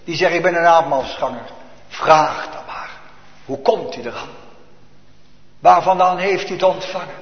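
A man preaches a sermon, dropping to near whispers and rising to emphatic calls, full of rhetorical questions. His voice sits fairly high. The sound is dull and lo-fi, with a long echo rolling around the church. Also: moderate pace, pauses often. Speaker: pastor. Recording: echoey church, lo-fi reverberant recording.

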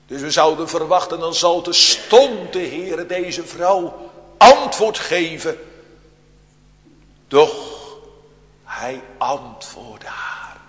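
A man preaching with slow, measured delivery in a somewhat high voice. He shifts from ringing, emphatic calls down to hushed near-whispers, leaving heavy dramatic pauses. His voice carries the long reverb of a church. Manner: solemn, deliberate phrasing with dramatic pauses. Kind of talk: sermon.

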